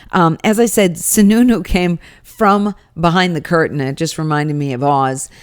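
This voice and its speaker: Chatty, opinionated woman with a lowish voice. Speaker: rally attendee giving commentary. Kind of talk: casual first-person recap commentary.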